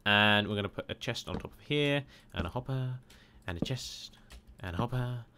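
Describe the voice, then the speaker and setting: A man's voice: mid-range voice, expressive, normal speed, background noise. A man casually narrating a game tutorial over a screen recording, chatty and rambling with lots of "uh"s. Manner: rambling, chatty, many filler "uh"s.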